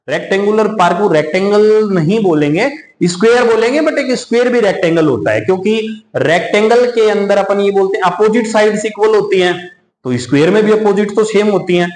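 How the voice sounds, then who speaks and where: A man runs a maths class, walking through each step and calling the students "beta". His voice sits a little high, and the room gives it a roomy echo. He slows down when he reads English problem text aloud. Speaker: maths teacher. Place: coaching classroom. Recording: echoey room.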